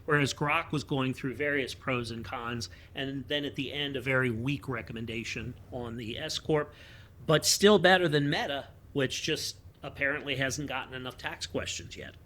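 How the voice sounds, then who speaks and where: A man's voice: medium pitch, normal speed, fairly bright tone. A man hosting a podcast, explaining tax questions in a dry, wry, conversational way. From United States. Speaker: podcast host, tax advisor. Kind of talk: casual podcast talk.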